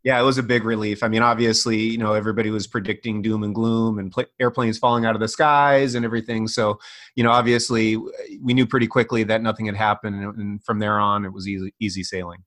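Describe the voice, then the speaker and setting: A middle-aged American man with a fairly low voice, recorded very dry. He speaks as an IT business owner being interviewed, explaining things in a conversational expert style. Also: little pitch movement, fast, a bit bright, dry recording. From North Dakota, United States. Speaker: IT company owner, interview guest.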